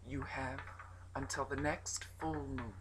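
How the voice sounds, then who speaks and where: A woman voicing a calm wise old woman who judges the people, speaking in slow, measured pronouncements. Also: a bass voice, background noise. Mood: solemn. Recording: nature ambience behind voice.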